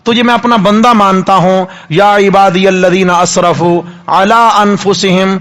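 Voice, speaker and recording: A male mufti delivering a sermon, emphatic and repetitive, slowing right down to draw out recited verses. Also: high-pitched, fairly even intonation, fairly bright tone. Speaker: mufti preacher.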